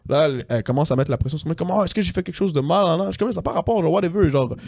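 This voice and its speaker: A young man tells a long story on a podcast. He speaks very fast in a fairly high voice and slips into English slang. He acts out the other people in the story, and the recording is dry and close. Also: lively intonation, gravelly, darkish tone, dry recording. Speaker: podcast co-host. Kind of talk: casual storytelling.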